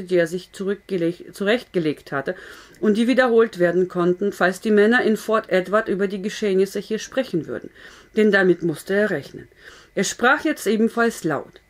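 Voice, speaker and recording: Woman calmly reading a novel aloud. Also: mid-range voice, normal speed. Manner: steady reading with occasional self-corrections. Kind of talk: audiobook-style story reading.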